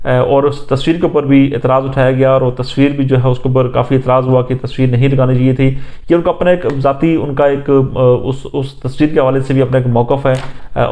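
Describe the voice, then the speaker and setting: Speaking in a mellow, mid-range voice with a Pakistani accent, a man offers off-the-cuff political news commentary. His recounting is halting and repetitive, packed with fillers.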